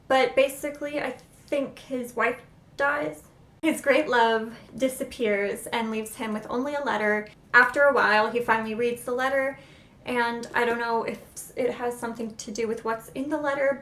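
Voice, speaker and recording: A young woman chatting casually in a book vlog, excitable and self-deprecating, often unsure how to say names. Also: on the high side. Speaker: booktuber. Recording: echoey room.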